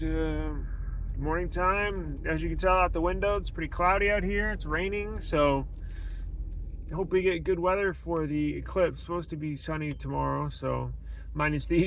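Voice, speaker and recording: High-pitched American man, noisy car recording. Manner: halting, thinking aloud. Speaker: tech reviewer. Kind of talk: casual rambling vlog talk. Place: inside a car. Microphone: phone selfie camera mic. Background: car and road noise.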